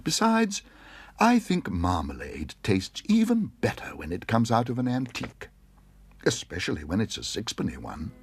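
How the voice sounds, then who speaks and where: A man's voice: on the low side, moderate pace, voice pushed up. Paddington, a man voicing an eager young bear. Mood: earnest. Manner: earnest, excitable exclamations. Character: polite young male bear, eager and earnest. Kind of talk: storybook narration with character voices.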